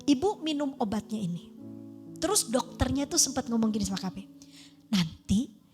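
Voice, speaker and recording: A woman's voice: a little high, normal speed, soft background music. A woman, a pastor telling a testimony in a sermon and acting out the voices in her story. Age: 50s. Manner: animated storytelling, acting out dialogue.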